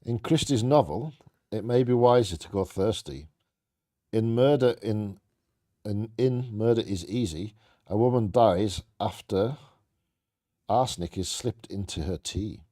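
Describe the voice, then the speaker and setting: Man, fairly low pitch, soft-edged mellow tone, scripted trivia reading, playful theatrical storytelling. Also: measured pace. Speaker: co-host of a bingo game.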